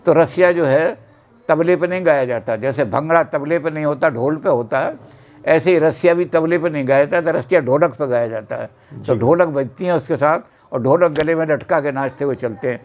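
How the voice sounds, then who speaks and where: An older man who sings slow folk verses and then explains them in quick talk, as the guest on a chat show. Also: on the high side. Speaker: guest folk music expert. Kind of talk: explaining and singing folk songs.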